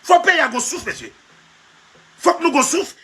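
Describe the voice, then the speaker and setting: High, bright animated man. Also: fairly quick. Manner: emphatic, repetitive, keeps addressing "monsieur". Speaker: comedy vlogger. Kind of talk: comic monologue.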